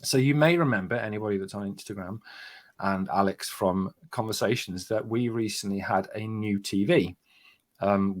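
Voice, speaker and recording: A man's voice: lowish voice, a bit bright. A man hosting a podcast, chatting casually in a dry, teasing, joking way. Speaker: podcast host. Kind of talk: casual banter.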